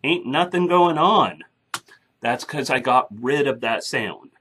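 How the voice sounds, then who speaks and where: There's a little hiss or hum as a man with a mid-range, fairly bright voice speaks slowly and animatedly into a mic through a soundboard. He's hosting a casual screen-recorded podcasting tutorial, explaining every step in a chatty, blunt manner.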